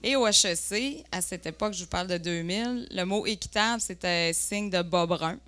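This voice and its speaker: A woman's voice: fairly low pitch, normal speed, fairly bright tone. A woman in her forties with a Lac-Saint-Jean Quebec French accent, telling stories to a conference audience and laughing often as she acts out voices. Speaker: entrepreneur giving a talk. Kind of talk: animated storytelling on stage. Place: conference stage before an audience. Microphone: stage microphone.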